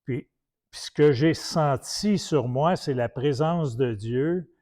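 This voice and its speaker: A man from Quebec with a Québécois French accent speaks slowly in a medium-pitched, darkish voice. His preaching takes the form of an anecdotal teaching talk, colloquial and riddled with restarts.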